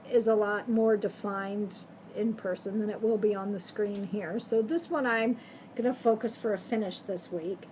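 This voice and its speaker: A middle-aged woman talks casually to her camera about needlework, wandering from point to point and correcting herself as she goes. Her pitch sits in an ordinary middle range for a woman. A faint background hiss runs under her home recording. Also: darkish tone, rough recording. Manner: chatty, rambling, self-correcting. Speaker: cross-stitch vlogger. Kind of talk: casual show-and-tell chat.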